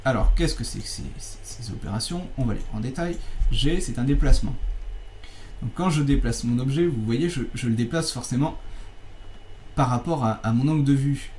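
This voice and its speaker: A man teaching a software tutorial over a screencast, talking in a casual, chatty way with fillers and self-corrections. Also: mid-range voice, normal speed, a little hiss or hum, poor audio.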